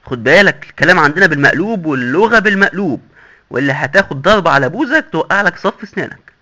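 A man's voice: fairly high pitch, animated, very fast, pushed and bright. A man doing a glib, mocking doctor from hell. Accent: Egyptian Arabic. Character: boastful sly male doctor in hell, cheerfully murderous. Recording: dull lo-fi recording.

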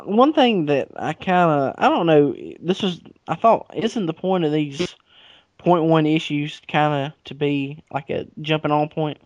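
A man's voice: a little high, a little slow, darkish tone, dry recording, highs cut off. A man casually chatting about comics with a friend, rambling and joking with lots of fillers. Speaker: comic book podcast co-host. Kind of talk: casual chat.

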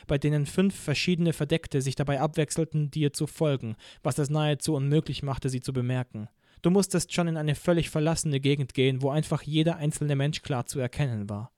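A man reading a novel aloud in first person, expressive and acting out the dialogue. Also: a little high, no room sound, studio quality. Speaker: audiobook narrator. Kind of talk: scripted first-person narration.

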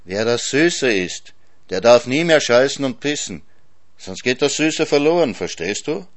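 A man's voice: mid-range voice, big pitch swings, unhurried, pitched above the performer's own voice. A man voicing a sly, teasing male hare in a storybook reading, coaxing and crafty.

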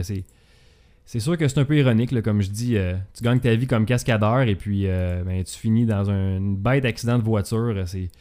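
A man's voice: lowish voice, mellow. A man with a Québécois accent hosting a casual talk show, hesitant and full of filler sounds. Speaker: podcast host. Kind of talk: casual chat.

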